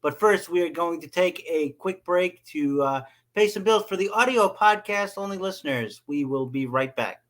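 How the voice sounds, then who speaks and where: Guy hosting a fight betting podcast, slightly high voice, lots of ums and restarts. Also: expressive, normal speed, few pauses, a bit bright. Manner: hesitant, many fillers and restarts. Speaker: podcast host. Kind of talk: casual sports betting podcast.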